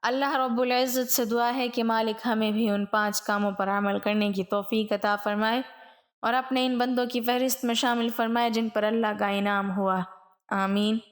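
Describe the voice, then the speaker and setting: A woman's voice: a little high, fairly even intonation. A woman telling a religious story in a solemn tone, speaking directly to her viewers.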